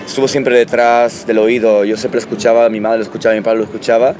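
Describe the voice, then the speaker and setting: A man from Italy talks through an interview, his thoughts coming in halting pieces and restarts, often ending with a questioning tag. His voice sits a little low. Loud music plays steadily behind him. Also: little pitch movement. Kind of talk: casual interview answers.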